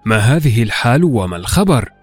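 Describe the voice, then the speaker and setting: A man's voice: medium pitch, big pitch swings, fairly quick, husky, no echo, soft background music. A man voicing a distraught, grieving merchant master in a storybook tale, questioning and lamenting in anguish. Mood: alarmed. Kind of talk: storybook character voice in narration.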